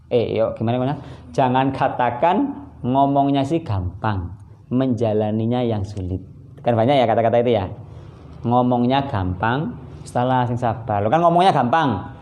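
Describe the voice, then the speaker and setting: A man preaching a casual Islamic sermon over a phone livestream. He speaks Indonesian with a Javanese accent, acts out dialogue and chuckles at his own asides. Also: mid-range voice. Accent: Javanese-influenced Indonesian. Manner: animated storytelling, acting out dialogue, chuckling asides.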